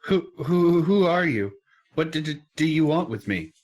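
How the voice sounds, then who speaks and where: A man's voice: on the high side, lively intonation, moderate pace, darkish tone, voice pushed up. A man voicing a frightened village potter with a heavy, nervous stutter in a fantasy game. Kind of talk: fantasy game role-play.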